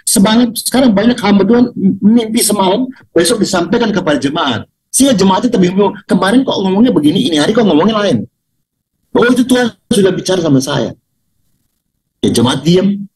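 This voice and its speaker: An older man preaching a sermon over a video call, swinging from loud, mocking highs to low, quiet asides. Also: lively intonation, brisk, low-quality recording. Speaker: pastor.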